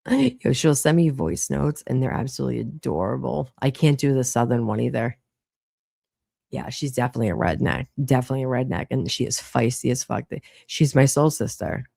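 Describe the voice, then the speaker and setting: Boston woman in her thirties hosting a live chat, blunt and foul-mouthed, with a gravelly voice recorded close and dry. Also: very deep voice, animated, normal speed, warm tone, no room sound. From Boston, Massachusetts. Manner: chatty, blunt, swears freely. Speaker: livestream host. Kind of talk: casual late-night live chat.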